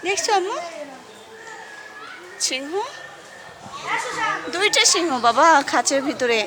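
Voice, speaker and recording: A woman, filming at a zoo and gently coaxing her small child while pointing things out. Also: high-pitched, lively intonation, slow pace. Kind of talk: casual vlog narration. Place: outdoors at a zoo garden. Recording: noisy outdoor ambience.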